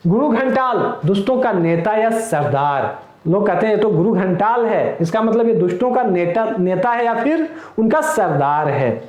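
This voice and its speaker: A man's voice: high voice, expressive, measured pace, darkish tone, echoey room, dull audio. A man teaching an exam-prep lesson, explaining each idiom with everyday example sentences and calling his viewers friends. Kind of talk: recorded lecture.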